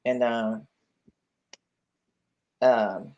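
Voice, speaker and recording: A woman's voice: extremely low pitch, fairly even intonation, drawn-out words, darkish tone, lo-fi sound. A middle-aged woman co-hosting a casual talk show, chatty, often repeating herself and pressing with questions. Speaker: podcast co-host. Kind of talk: casual chat.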